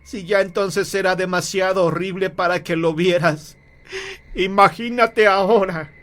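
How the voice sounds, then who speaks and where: A man's voice: high-pitched, very animated, unhurried, fairly bright tone, voice pushed up, full character voice. Man voicing an older husband, fearful, tense raised voice. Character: stunned, fearful old husband and father.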